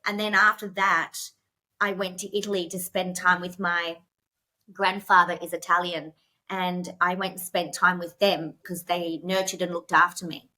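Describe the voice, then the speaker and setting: A woman's voice: on the low side, flat delivery, moderate pace, pushed and bright. A woman who is a podcast guest, telling a personal story in a rush, with many fillers and restarts, and emotional at moments.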